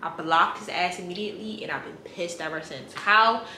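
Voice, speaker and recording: A woman's voice: lowish voice, brisk, sharp tone. A woman in her twenties talking to the camera in a casual vlog, blunt and ranting, swearing freely. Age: 20s. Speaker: vlogger. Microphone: compact vlog camera mic. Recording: echoey room, faint background noise.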